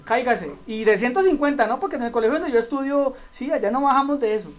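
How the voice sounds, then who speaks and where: A man's voice: extremely high pitch, expressive, fast talker. A male pastor voicing a cheeky, demanding teenage son who speaks in an entitled, haughty way.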